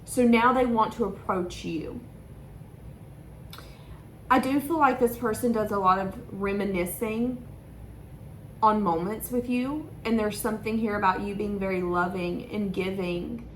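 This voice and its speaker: A woman's voice: medium pitch, measured pace, a little hiss or hum. Emotional woman tarot reader, echoey room. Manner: emotional, stream-of-consciousness, repeats herself. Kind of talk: intuitive tarot reading to viewers.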